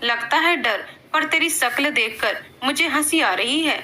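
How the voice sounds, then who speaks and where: A woman's voice: high voice, animated, measured pace, bright, forceful tone, heavily acted. A woman reading a feisty young office woman. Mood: bantering. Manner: feisty, bantering.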